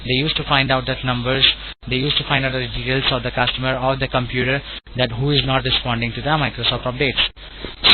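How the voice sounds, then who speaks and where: Indian call center agent on a tinny phone. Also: male voice, medium pitch. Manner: polite, wordy, repetitive, often saying sir and all right. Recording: tinny phone line with clear noise.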